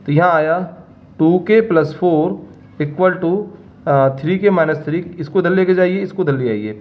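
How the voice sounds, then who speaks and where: A man's voice: a little high, normal speed, phone-quality sound. A male maths teacher explaining problems step by step and checking in with his students. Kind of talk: classroom maths lesson.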